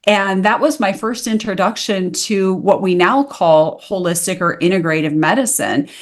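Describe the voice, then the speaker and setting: A woman in her fifties from the United States, a naturopathic practitioner answering as a guest, retelling her story with animated acted-out dialogue. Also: mid-range voice, moderate pace.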